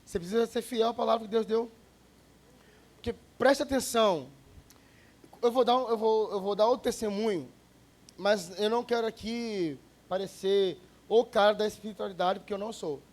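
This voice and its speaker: Male pastor, relaxed storytelling sermon, bright high voice. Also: normal speed. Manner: conversational, storytelling, joking with the congregation.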